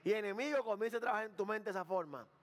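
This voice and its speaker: A man's voice: high-pitched, racing. A male pastor preaching a sermon, repeating phrases, asking the congregation questions and acting out the words of biblical figures. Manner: acts out dialogue between Jesus and Peter.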